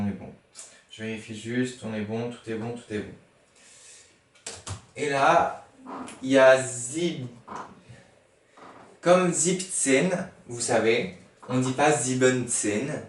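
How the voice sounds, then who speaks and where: A man teaching a lesson, spelling words out letter by letter and patiently repeating each one as he thinks aloud. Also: mid-range voice. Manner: patient, repeats each word several times. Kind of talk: explaining a language lesson to a class. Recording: echoey room, voice far from the mic.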